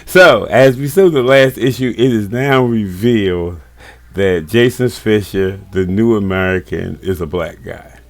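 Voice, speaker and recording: A man's voice: on the low side, unhurried. A man in his sixties hosting a casual comic book review, rambling with many fillers and chuckles. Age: 60s. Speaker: host.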